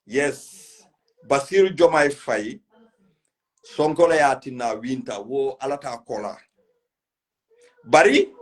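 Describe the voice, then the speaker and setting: A man with a West African accent hosting a casual political live chat, speaking emphatically and repeating his phrases. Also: on the high side. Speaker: host of a political live stream. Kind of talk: casual political live chat, mixing English with a local language.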